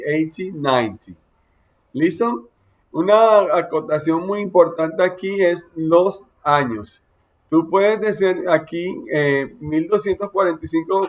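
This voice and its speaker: Male English teacher, slow and deliberate, slightly high voice, drills vocabulary. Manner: counts slowly and drills English words between explanations; addresses the listener directly. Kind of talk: slow, explanatory language lesson.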